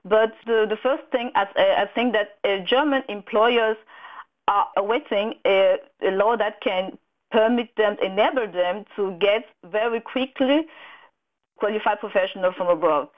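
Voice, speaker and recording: A woman's voice: medium pitch, a little slow. Woman calling in, earnest, keeps restarting, thin phone-line sound. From Cameroon. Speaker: guest. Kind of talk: radio interview answers.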